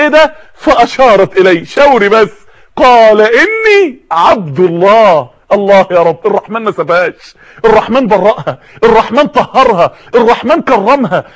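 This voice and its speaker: A man with an Egyptian Arabic accent delivers an impassioned sermon in a very high voice. He talks fast and dramatizes each scene, dropping to near-whispers and rising to cries as he voices the people he preaches about. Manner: impassioned, dramatic swings between hushed and loud.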